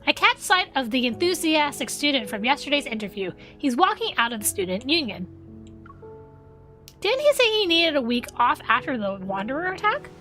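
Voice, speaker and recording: A woman streaming a game, reading the story aloud and breaking off into excitable reactions. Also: sits high, moderate pace, soft background music.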